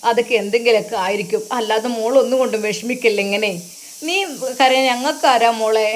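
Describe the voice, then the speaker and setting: A woman voicing an older mother who gently comforts her daughter in a soothing, motherly way. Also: a little high, fast, slight background noise, voice pushed down, lightly acted. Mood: reassuring.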